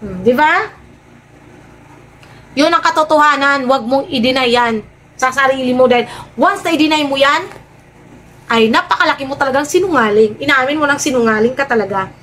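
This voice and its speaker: A woman's voice: high voice, moderate pace, long pauses, a bit bright, slight background noise. A woman vlogger in casual live-stream commentary, talking to her viewers in a sarcastic way and firing off rhetorical questions.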